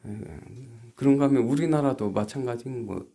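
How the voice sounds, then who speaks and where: The pastor, a South Korean man, has a gravelly mid-range voice as he preaches. His sermon proceeds haltingly, weaving together murmured asides and strongly stressed rhetorical questions.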